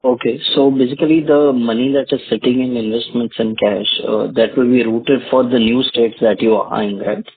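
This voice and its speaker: A man's voice: mid-range voice, steady tone, moderate pace, hardly any pauses, breathy edge. A man, an analyst on a conference call, asking polite, hesitant questions full of fillers. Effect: heard over a conference call line. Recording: tinny conference call line.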